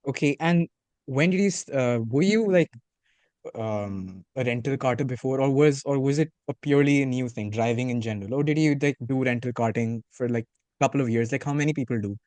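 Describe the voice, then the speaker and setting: A man's voice: mid-range voice, brisk, darkish tone, dry recording. A man hosting a podcast, opening formally and asking long rambling questions. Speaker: podcast host.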